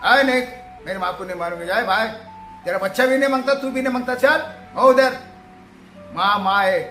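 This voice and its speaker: A man's voice: high-pitched, fairly quick, pushed and bright. A man telling a religious folk tale dramatically, calling listeners brother. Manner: emotional, addresses listeners as brother. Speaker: storyteller. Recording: echoey room, faint music.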